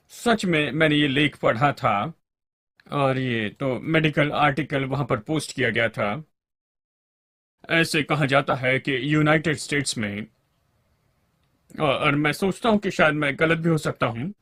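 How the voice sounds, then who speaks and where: A man's voice: medium pitch, fairly bright tone, no room sound, studio quality. A man preaching a sermon to a congregation and calling for amens along the way.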